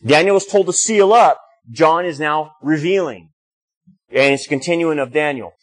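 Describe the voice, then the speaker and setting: A man's voice: a little high, normal speed, low-quality recording. A man preaching a sermon as a pastor, explaining scripture in a teaching manner with frequent restarts.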